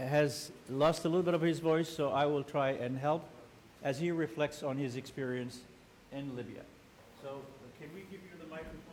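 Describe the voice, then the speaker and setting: A man's voice: mid-range voice, a little hiss or hum. A man moderating a conference panel, talking informally with many fillers as he introduces speakers. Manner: informal, with frequent fillers, directing people around. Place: conference hall.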